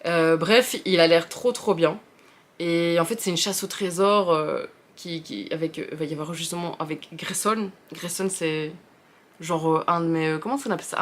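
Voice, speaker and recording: A woman's voice: on the low side, a bit bright. Chatty young Frenchwoman rambling about books. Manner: rambling, many fillers and restarts; self-deprecating, chatty. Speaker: book video host. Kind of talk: casual chat about books.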